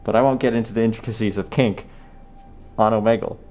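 Low-voiced man, dry and teasing. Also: quick pace. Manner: calm, dry, teasing humor. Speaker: fursuiter chatting with strangers on a video chat. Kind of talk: casual video chat. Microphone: talking from inside a fursuit head.

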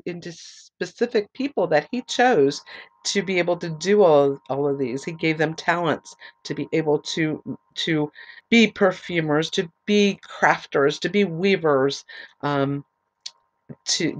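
Her voice sits low and the audio is poor as this Bible study teacher, fading from allergies, works through scripture at a slow pace. She pauses for short explanations and spells out each name one letter at a time.

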